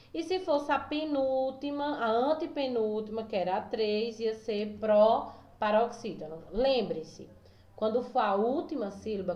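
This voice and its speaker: A young woman with a Brazilian Portuguese accent, teaching a video lesson to small children, slow and patient, checking in often. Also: mid-range voice, a little mellow. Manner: patient, slow, repeats key points with "tá?" and "certo?". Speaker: primary school teacher. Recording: echoey room, slightly dull sound.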